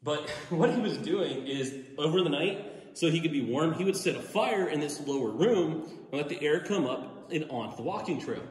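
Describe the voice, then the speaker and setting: Echoey cave tour guide, higher-pitched man. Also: animated, moderate pace. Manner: conversational, explanatory storytelling. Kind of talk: informal storytelling to a small tour group. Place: inside a cave, voice echoing. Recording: echoey cave, long reverb, distant, faint noise.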